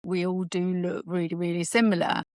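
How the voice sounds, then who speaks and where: A woman's voice: on the low side, little pitch movement, a little fast, no room sound, clean studio sound. A woman hosting a personal conversation, telling her story casually with frequent restarts. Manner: warm, with frequent restarts and laughs. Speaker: host, the daughter who found her father.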